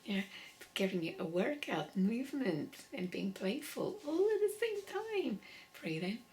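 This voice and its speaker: A woman's voice: mid-range voice, big pitch swings, a little slow, a little mellow, rough recording. A woman leading a laughter yoga session, playful, laughing often and chanting vowel sounds. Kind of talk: guided exercise session.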